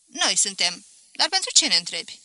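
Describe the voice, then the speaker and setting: A woman's voice: medium pitch, big pitch swings, sharp tone, dry recording. Fifi, woman reading a scornful old spinster. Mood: wary. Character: bitter aging spinster woman, mocking and haughty.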